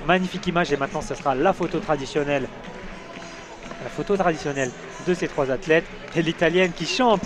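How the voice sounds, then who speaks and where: A man co-commenting athletics live in audio description at a stadium, lively, calling out results and athlete lists. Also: high voice. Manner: lively, fluent summaries, shouts results. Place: outdoor stadium. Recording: stadium crowd behind commentary.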